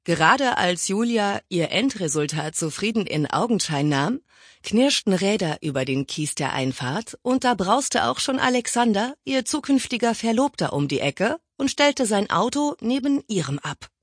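A woman narrating an audiobook in a measured storytelling manner, lightly voicing the characters' lines. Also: medium pitch, animated, no room sound, clean studio sound.

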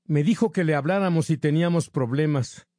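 A man's voice: fairly high pitch, brisk, mellow, no room sound, clean studio sound, pitched above the performer's own voice, lightly acted. A man reading an audiobook voices Thor, a sceptical teenage boy speaking in a slightly raised, incredulous voice.

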